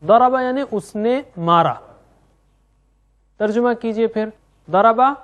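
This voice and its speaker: A middle-aged man teaching Quranic Arabic grammar, chanting verb forms in rhythmic drills and explaining them in sprinkled with English words. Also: sits high. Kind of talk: classroom lecture with drills.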